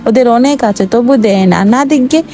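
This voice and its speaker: A woman voicing a poor, gentle farmer who pleads and speaks tenderly to his ox. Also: fairly high pitch, normal speed, slight background noise, lightly acted. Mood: tender sorrowful. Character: poor, gentle, sorrowful farmer man, middle-aged.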